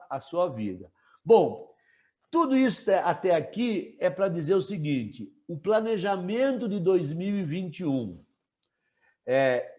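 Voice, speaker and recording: A man teaching a live online class, relaxed and chatty, asking students questions and joking with them. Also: fairly high pitch.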